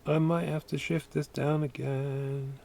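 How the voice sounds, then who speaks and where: A man's voice: a little high, level tone, unhurried, creaky, mellow. A British man chatting casually while he draws on a live stream, musing aloud with lots of filler words. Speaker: animation streamer.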